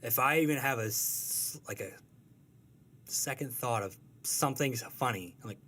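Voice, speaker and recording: A cartoonist appears as an interview guest, chatting casually in an informal, enthusiastic way and feeling his way through his explanations. His mid-range voice is fairly bright, at a normal speed, with slight background noise.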